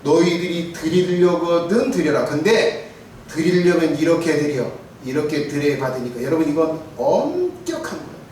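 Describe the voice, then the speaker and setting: A middle-aged man preaching a sermon as pastor, emphatic, swinging between shouted and quiet lines. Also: a little high, big pitch swings, normal speed. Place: church sanctuary. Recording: echoey church hall, mic from far off, faint noise.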